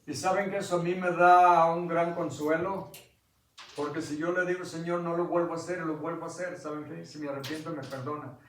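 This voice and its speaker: A pastor delivers an impassioned sermon, asking his congregation questions and building to loud climaxes. His voice sits a little high for a man. The recording is roomy and echoey, picked up from well away from the microphone in a church. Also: fairly even intonation, a little fast, slight background noise. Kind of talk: sermon with Bible reading. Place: church sanctuary. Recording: echoey church, mic at a distance.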